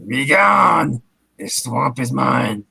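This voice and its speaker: A man's voice: medium pitch, lively intonation, drawn-out words, vocal fry, pushed and bright, husky, heavily acted. A man voicing a menacing male lizard monster who hurls grandiose threats in a comic read-along.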